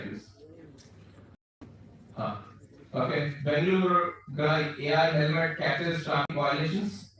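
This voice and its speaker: A man with a South Indian accent giving an instructive slide lecture, often checking that listeners follow. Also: fairly high pitch. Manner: instructive, checks understanding with short tags. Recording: very echoey room, distant microphone.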